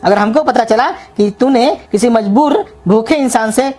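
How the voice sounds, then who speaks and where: A woman voicing a bald, self-important male street food vendor who scolds and threatens loudly in a comedy cartoon. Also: fairly high pitch, a little slow, noisy background, close to an everyday voice. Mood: lecturing. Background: music.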